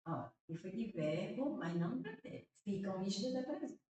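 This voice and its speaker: A Brazilian woman teacher works through exam answers aloud, repeating key words and checking in with her students as she goes. Her voice sits at a middle pitch and comes from some way off the mic. It rings through a very echoey room with a faint hiss behind it. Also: animated, moderate pace, warm tone, distant mic. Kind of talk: exam-solving lesson.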